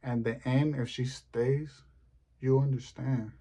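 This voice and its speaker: Guy doing deadpan standup, kinda rambly, warm mellow voice. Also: mid-range voice, slow pace. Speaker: stand-up comedian. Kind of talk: stand-up comedy monologue.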